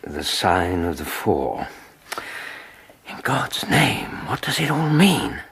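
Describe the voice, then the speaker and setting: An actor playing a kindly, earnest English gentleman doctor in a radio drama, gentle and protective in manner. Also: lowish voice, very animated, slow pace, heavily acted. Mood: shocked. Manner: gentle, earnest, plain-spoken. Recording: clearly noisy sound-effect backdrop.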